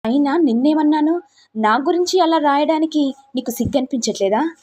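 A woman's voice: sits high, fairly even intonation, moderate pace, mellow, slightly rough. A woman voicing a meek, devoted young wife who pleads in sorrow, in a retold family serial. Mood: hurt.

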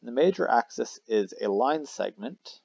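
Gravelly male math teacher, dry recording. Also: medium pitch, expressive, a little slow, a little mellow, dry recording. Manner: casual, self-correcting explanation with fillers. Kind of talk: recorded math lesson at a whiteboard. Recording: dry, slightly dull lo-fi mic.

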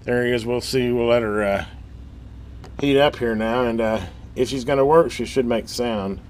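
Here a middle-aged radio repair channel host speaks at normal speed with a medium-pitched, darkish voice. He works in a metal-building workshop amid background noise, giving folksy, rambling, casual commentary as if thinking aloud.

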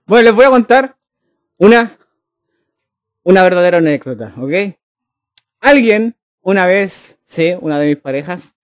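A man's voice: high-pitched, animated, measured pace, long pauses. A man, a streamer joking and chatting casually with his live chat. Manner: joking, teasing, addressing chat directly.

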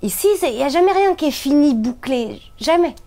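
In a relaxed interview, a woman from France makes her points with animated emphasis, her pitch rising and falling widely. She talks at a fairly quick pace.

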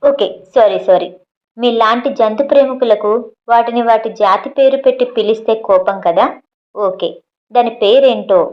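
A woman's voice: a little high, moderate pace, lightly acted. A woman voicing a teasing young man who talks in a sarcastic, bantering way. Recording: dull lo-fi audio.

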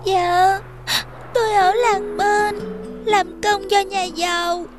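A poor, shy young shepherd girl in a cartoon fairy tale, speaking slowly in a very high, tearful voice. Children's music plays clearly behind. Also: fairly even intonation. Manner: tearful, timid speech. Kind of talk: cartoon dub acting.

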